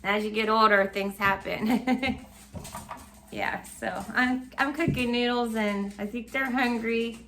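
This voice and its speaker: Middle-aged woman, home vlogger, slightly hoarse, bright rambling chat with frequent laughs; faint room hiss. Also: fairly high pitch, slow pace. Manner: rambling, chatty, laughs often. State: losing her voice, frogging. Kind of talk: casual home vlog chat. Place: home kitchen.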